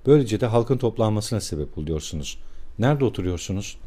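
A man's voice: lowish voice, animated, fast talker, warm tone. A man voicing a stern street policeman who speaks in a formal, officious way.

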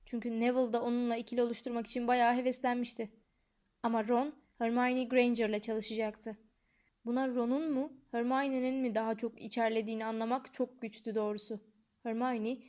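Woman narrator, storybook reading, high voice, calm, muffled lo-fi sound. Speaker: audiobook narrator. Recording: dull lo-fi recording.

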